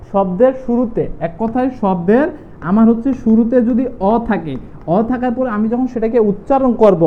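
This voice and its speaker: Man, teacher, quick explanatory talk, rhetorical questions, tinny phone-like sound. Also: very high voice. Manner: rhetorical questions answered himself, repetitive. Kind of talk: Bangla pronunciation lesson. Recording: tinny phone-like audio, faint noise.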